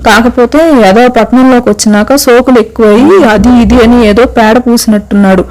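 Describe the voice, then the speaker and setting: A woman's voice: a little high, steady tone, normal speed, a little mellow, lightly acted, poor audio. A woman voicing a bold village woman who speaks in rustic, blunt, scolding talk.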